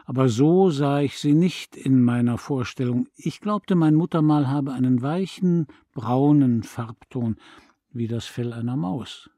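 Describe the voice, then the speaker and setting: A man reading a literary story aloud in a calm, measured, reflective way. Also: medium pitch, no room sound. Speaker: audiobook reader. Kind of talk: scripted narration. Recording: dry close studio recording.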